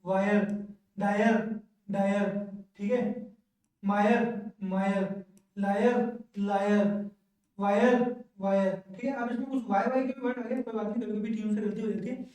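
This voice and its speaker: A man teaching English pronunciation in a classroom lesson, slowly repeating each word twice for learners to echo. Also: high voice, fairly even intonation, a little mellow. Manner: says each word twice, slow drilling. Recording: very echoey room, voice from far off.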